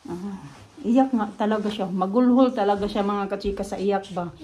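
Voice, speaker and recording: There's a little hiss or hum under this mellow, mid-range voice moving at normal speed. The speaker, a Filipino family vlogger, tells a story casually and keeps talking directly to her viewers.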